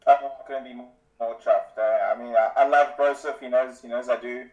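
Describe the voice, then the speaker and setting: Male, South African accent, easygoing interviewee, medium pitch, roomy echo on the mic. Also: steady tone, normal speed, a little mellow, muffled recording. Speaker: esports racing driver being interviewed. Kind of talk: casual interview chat. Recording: roomy, echoey remote voice chat.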